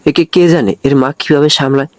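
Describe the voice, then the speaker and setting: A put-upon young male assistant mutters and grumbles about his boss, as a man reads him. His voice is fairly high, and the sound is dry and close. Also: fairly even intonation, fairly quick, no room sound, natural voice. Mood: grumbling.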